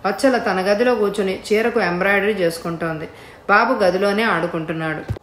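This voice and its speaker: A woman narrates a story in a steady, measured way at a middle pitch. Her voice sits in a roomy space with a faint hiss underneath. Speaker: audiobook narrator.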